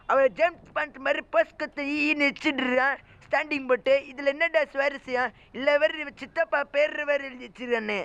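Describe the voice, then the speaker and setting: Man, gaming youtuber, comic gameplay commentary, excitable, mocking, full of exclamations, very high voice, gravelly. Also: lo-fi sound.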